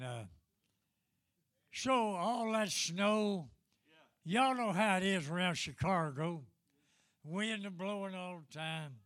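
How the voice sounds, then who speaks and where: A man's voice: on the high side, fairly bright tone, no echo. An elderly man preaching a fervent Pentecostal-style sermon in an emphatic, repetitive, folksy way. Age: 70s or older.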